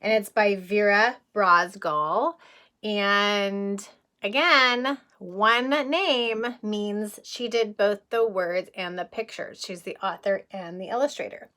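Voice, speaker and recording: Slow and medium in pitch, a woman reads a picture book to young children in her role as kindergarten teacher. She narrates with expression and frequent chuckles while asking the little listeners questions and simplifying words.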